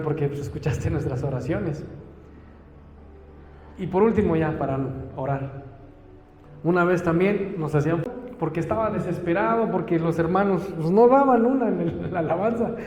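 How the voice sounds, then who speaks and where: Earnest Mexican pastor in an echoey church. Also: male voice, high voice, dark tone, a little hiss or hum. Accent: Mexican Spanish. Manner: earnest storytelling, acts out dialogue. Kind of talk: sermon with personal testimony. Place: church hall. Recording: echoey church hall, faint ambience.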